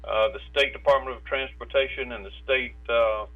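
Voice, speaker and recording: Over a thin, tinny, narrow phone line with hum, an American man who is a state insurance director gives preparedness advice as an interview guest. His mid-range, medium-pitched voice keeps fairly even intonation, but he speaks haltingly, repeating words, stumbling mid-phrase and often doubling back.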